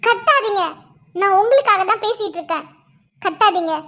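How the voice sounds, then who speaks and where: Give me a woman playing a furious young cartoon wife with a very high voice, scornful and accusing. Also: animated, normal speed, sharp tone, full character voice. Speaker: cartoon character voice. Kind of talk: cartoon drama dialogue.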